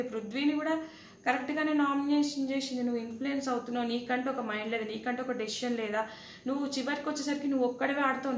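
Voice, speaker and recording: High-voiced opinionated woman. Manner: animated and opinionated, addresses contestants directly. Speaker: reality show reviewer. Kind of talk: casual video review. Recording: echoey room with faint background noise.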